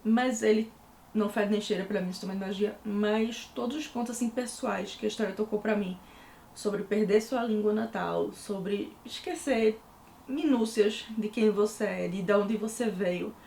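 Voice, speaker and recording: Her mid-range voice is creaky and dark in tone. A young adult woman from Recife, Pernambuco, Brazil, with a Recife Pernambuco Portuguese accent, she chats casually and full of fillers in a book review vlog, recorded in an echoey room with slight background noise.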